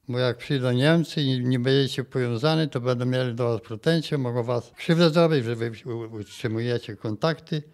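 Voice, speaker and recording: A man in his eighties from Volhynia, giving his testimony in an interview in a plain, halting way and often ending phrases with a quick tag question. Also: mid-range voice. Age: 80s. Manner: plain halting telling, tags phrases with "nie?". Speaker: interviewee, massacre survivor. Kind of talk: recounted personal testimony.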